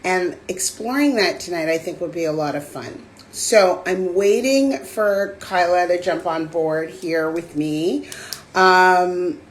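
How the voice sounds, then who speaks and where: Raspy woman hosting a slow live chat. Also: lowish voice, a little hiss or hum. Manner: relaxed and chatty, with frequent fillers. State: slightly hoarse from a cold. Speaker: host. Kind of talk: casual livestream chat. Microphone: phone on a live stream.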